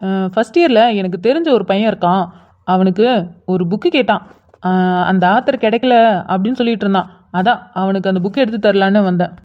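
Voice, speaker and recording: A woman's voice: mid-range voice, quick pace, voice pushed down, lightly acted. A woman voicing a playful young male college senior who teases. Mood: teasing. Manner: playful, teasing. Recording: dull lo-fi sound.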